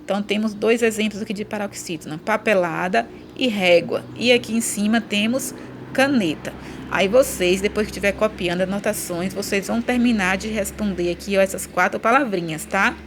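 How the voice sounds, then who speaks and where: A woman's voice: medium pitch, moderate pace, noisy background. Patient Brazilian woman teaching. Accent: Brazilian Portuguese. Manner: patient, repeats and checks understanding with "tá?" and "né?". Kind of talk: recorded lesson for children.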